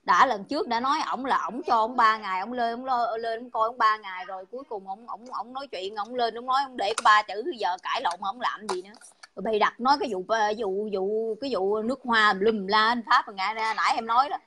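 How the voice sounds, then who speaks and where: A woman's voice: a little high, a little fast, pushed and bright. A woman with a Southern Vietnamese accent, ranting in a blunt, repetitive, scolding monologue on an online livestream.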